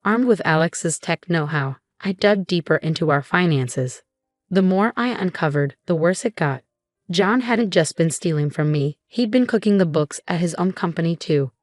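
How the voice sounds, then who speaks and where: A woman reading a first-person story as scripted narration, in a steady, measured way. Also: on the low side, no room sound, studio quality, faint music behind.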